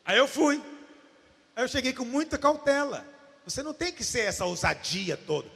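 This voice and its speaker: A Brazilian pastor preaching in a church hall, his high, gravelly voice rising and dropping across a wide range. He moves between quiet, confiding asides and sudden shouted emphasis, and the big room rings with a long reverb behind him. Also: normal speed. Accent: Brazilian Portuguese. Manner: animated preaching, swinging from hushed asides to shouts. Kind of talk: sermon.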